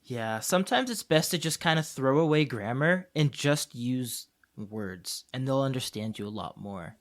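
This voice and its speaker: A man co-hosting a casual podcast, an English teacher who tells classroom stories with lively acted-out dialogue. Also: medium pitch, normal speed. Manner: animated storyteller, acts out dialogue.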